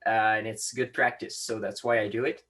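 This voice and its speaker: A seventeen-year-old from Quebec, Canada, a native French speaker with a slight Quebec French accent, is interviewed as a guest maker. His voice is fairly low, pushed and bright, with a level tone at normal speed, and he answers hesitantly with many fillers.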